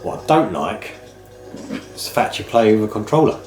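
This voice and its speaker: A man's voice: lowish voice, big pitch swings, moderate pace, darkish tone. A middle-aged British man with a slightly nasal, bunged-up voice from man flu, chatting casually and ramblingly as the host of a video channel. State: man flu, a head cold. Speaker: host of a video game pick-ups channel. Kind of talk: casual chat to camera. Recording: roomy echo, music underneath. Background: music.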